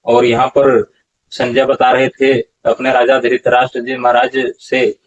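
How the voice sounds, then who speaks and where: A man giving a lesson on correct verse pronunciation, slowly drawing out example words and correcting common mistakes in a repetitive teaching manner. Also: medium pitch, completely flat delivery, muffled recording. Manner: slow deliberate syllable-by-syllable chanting of examples. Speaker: Gita recitation teacher.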